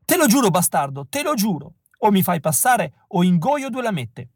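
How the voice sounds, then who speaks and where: A man's voice: on the high side, animated, normal speed, dry recording, clean studio sound. A man voicing a pale, desperate young man begging for a job, pleading and frantic, in an audiobook reading. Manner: pleading, breathless and increasingly frantic. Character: pale desperate young male would-be extra.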